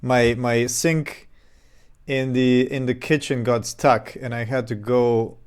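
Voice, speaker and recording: A man with a Serbian accent talks slowly and loosely on a live coding stream. He pauses often, stacks fillers and restarts his sentences. His pitch sits in an ordinary middle range. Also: fairly even intonation, smooth. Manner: halting, many fillers and restarts. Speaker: game dev streamer. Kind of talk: casual live-stream chat. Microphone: desk microphone.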